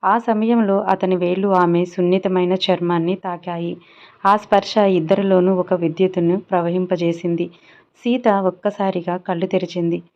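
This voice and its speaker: Woman, story narrator, calm and even, lowish voice, dull lo-fi sound. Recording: dull lo-fi audio.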